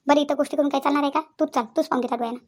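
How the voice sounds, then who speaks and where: A woman's voice: sits high, fairly even intonation, racing, lightly acted. A woman voicing a chatty young sister-in-law in a village cartoon, bickering and confronting.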